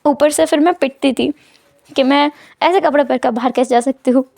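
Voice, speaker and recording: An amused young mother chats and reminisces in an easy, chatty way, voiced by a woman narrator. The voice is high and the sound is dry. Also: a little fast, creaky, darkish tone, no room sound.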